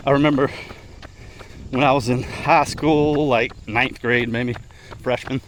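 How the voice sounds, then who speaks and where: A middle-aged man chatting casually and ramblingly to his vlog while running, in short broken phrases with pauses. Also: mid-range voice, steady tone, a little hiss or hum, low-quality recording. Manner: talking while running, slightly effortful. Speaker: vlogger. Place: outdoors, on the move.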